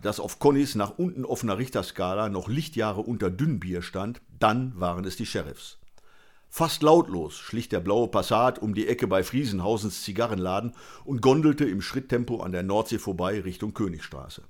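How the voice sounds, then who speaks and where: A man reading a crime novel aloud in a dry, wry storytelling manner. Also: fairly low pitch. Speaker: audiobook reader. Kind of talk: scripted narration of a crime novel.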